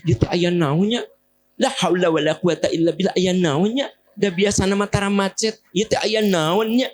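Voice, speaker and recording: A man's voice: high-pitched, fairly even intonation, measured pace, pitched above the performer's own voice. A man with a Sundanese accent voicing a middle-aged wife who grumbles over and over about being stuck in traffic. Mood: fretful. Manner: agitated, repetitive grumbling.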